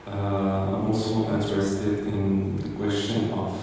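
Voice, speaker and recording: Man, from Algeria, gallery artist talk, halting and hesitant, slow, flat delivery, distant mic, ambient room noise. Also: lowish voice, heavy reverb, big-room sound. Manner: hesitant, halting, many pauses and restarts. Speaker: visual artist presenting his work. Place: art gallery hall.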